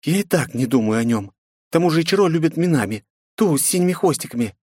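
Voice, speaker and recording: A man's voice: fairly high pitch, expressive, quick pace, darkish tone, breathy edge, dry recording, clean studio sound, voice pushed up. A man voicing a defiant, sarcastic eighteen-year-old princess in an audiobook, with cheeky, mocking retorts. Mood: scornful.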